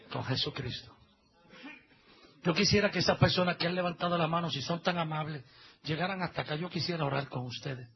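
A man preaching a sermon as pastor at a church service. He is emphatic, swinging between soft asides and loud exhortations. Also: on the high side, husky, lo-fi sound.

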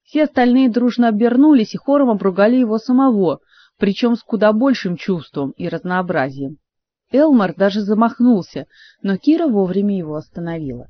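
Audiobook reader, steady and expressive, middle pitch, dry muffled sound. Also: a little fast, no room sound. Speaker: audiobook narrator. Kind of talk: audiobook narration. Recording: dry, slightly dull audiobook recording.

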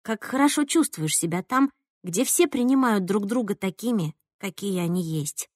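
A woman reading a first-person audiobook in an expressive, playful way. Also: medium pitch, normal speed, no room sound, clean studio sound. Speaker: audiobook narrator.

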